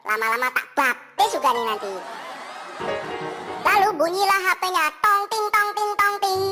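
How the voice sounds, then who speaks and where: A woman voicing a cheeky reformed cat preacher. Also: high-pitched. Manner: playful, sound effects, sing-song. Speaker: Sunday school storyteller. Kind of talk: children's storytelling. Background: music.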